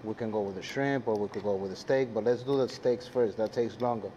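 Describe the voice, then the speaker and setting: A man's voice: on the low side, steady tone, brisk, mellow, lo-fi sound. A man with a Dominican accent, a native Spanish speaker, chatting casually to viewers and crew as he hosts a cooking demonstration. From Dominican Republic. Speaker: chef hosting a live cooking class. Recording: clear sizzling and kitchen noise.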